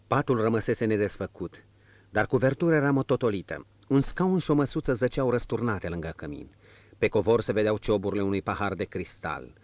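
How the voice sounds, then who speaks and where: A man narrating an audiobook in a dramatic, expressive reading, in a dull, dry recording. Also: on the low side, no echo. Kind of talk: scripted narration.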